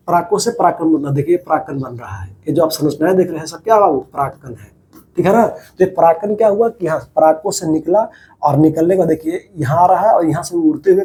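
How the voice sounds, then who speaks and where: A man's voice: a little high, animated, brisk, mellow. A man teaching a biology class over diagrams, repeating each key term as a question to his students and calling them "babu".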